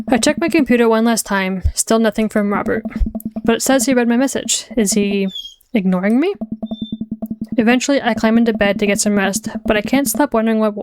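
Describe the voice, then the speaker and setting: A woman's voice: a little high, a little mellow. A woman streamer reading a visual novel aloud, with playful, chatty narration.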